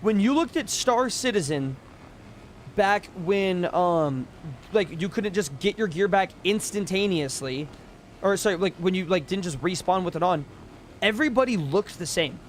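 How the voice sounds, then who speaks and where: A man's voice: high-pitched, animated, normal speed, slight background noise. A young man live-streaming a game, ranting casually and emphatically, swearing freely.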